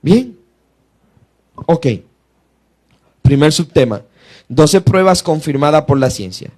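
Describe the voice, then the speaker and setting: A man preaching a teaching sermon, moving from slow, careful explanation to quick, rising bursts of emphasis. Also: fairly high pitch, lively intonation, darkish tone.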